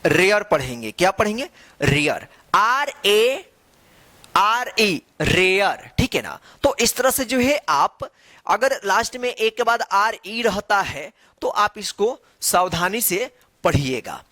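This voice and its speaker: A man's voice: high-pitched, big pitch swings, slow pace, pushed and bright, no room sound. A man teaching an English reading lesson, spelling out words letter by letter, asking the class how each word is read and answering himself with repeated readings. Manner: asks the class questions and answers them himself.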